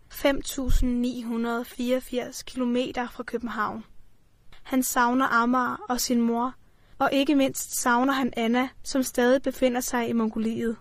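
A woman reading scripted documentary narration in an even, measured way. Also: fairly high pitch, no room sound.

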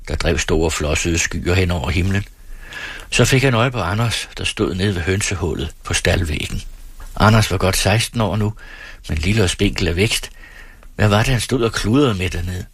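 A man narrating a novel as an audiobook in a calm, measured reading voice. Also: sits low, husky, no echo.

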